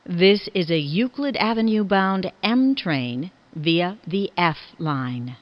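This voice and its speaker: Woman for scripted transit announcements; deliberate pace, slightly low pitch, dull lo-fi sound. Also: lively intonation, no echo. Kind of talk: scripted automated train announcement.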